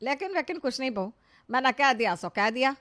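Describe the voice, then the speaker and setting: A woman's voice: high voice, lively intonation, brisk, fairly bright tone. A woman voicing a domineering middle-aged mother-in-law who scolds and gives orders. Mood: bossy. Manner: scolding, bossy.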